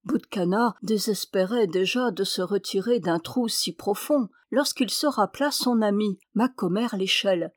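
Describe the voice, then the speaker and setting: A woman reading a fairy tale aloud in a lively, expressive way. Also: medium pitch, moderate pace, hardly any pauses, dry recording, clean studio sound. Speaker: storyteller.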